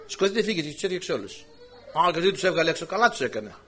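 Slight background noise accompanies this impassioned preacher, whose somewhat high voice is sing-song and a bit bright. He keeps asking his listeners rhetorical questions and often addresses them as brothers.

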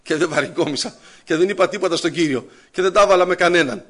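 A man with a high, slightly bright voice preaches a sermon, telling his own story and voicing his thoughts and prayers. In prayer, his pleading rises and grows fervent.

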